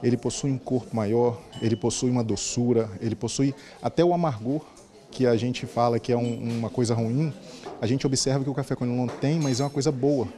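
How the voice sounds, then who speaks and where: Mellow-voiced man in an interview. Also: medium pitch, steady tone, brisk. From Espírito Santo, Brazil. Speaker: coffee taster. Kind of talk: interview answer. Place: indoor tasting room. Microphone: handheld reporter mic.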